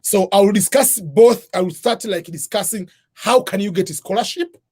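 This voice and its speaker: A man's voice: high voice, moderate pace, darkish tone, slightly rough. Methodical man explaining step by step. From Tanzania. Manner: methodical, breaks topics into numbered points. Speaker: guest, scholarship advisor. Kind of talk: explanatory interview talk.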